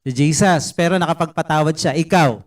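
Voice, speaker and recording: A man preaching a sermon in an animated way, mixing in English words and putting questions to the congregation. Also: a little high, fairly quick. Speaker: pastor. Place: church service.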